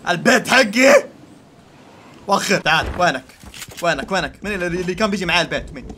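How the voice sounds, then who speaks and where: A man's voice: high voice, expressive, quick pace, pushed and bright, a little hiss or hum. A young man giving live gameplay commentary, frantic, yelping and pleading. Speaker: gaming YouTuber.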